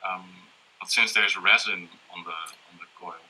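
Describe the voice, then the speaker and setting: A man explaining step by step how to prepare and solder a coil, talking hesitantly with many pauses and fillers. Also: low voice, steady tone, sharp tone, rough recording. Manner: hesitant, many ums and restarts, laughs often. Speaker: workshop presenter. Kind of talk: hands-on electronics demonstration. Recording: faint background noise and tool clicks.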